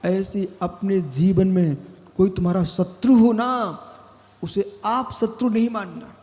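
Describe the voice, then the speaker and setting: A man preaching to a gathering in a measured, unhurried cadence, hammering lines home by repeating them. His voice sits high for a man, and it rings with the long reverb of a large hall. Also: warm tone. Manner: slow, emphatic, repeats phrases and calls listeners by name. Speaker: Jain monk preacher. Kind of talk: sermon.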